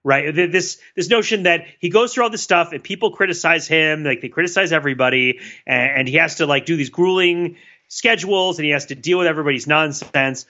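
A man co-hosting a podcast talks through ideas in casual analytical chat, thoughtful and loose with many fillers and restarts. His voice is on the high side, brisk, pushed and bright, and the recording has its highs cut off.

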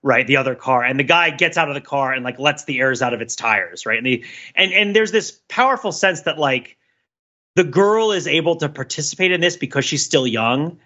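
On a relaxed pop culture podcast he co-hosts, this man speaks briskly in a voice on the high side, captured with dull audio. His storytelling is animated and meandering as he hunts for words and keeps checking in that the listener follows along.

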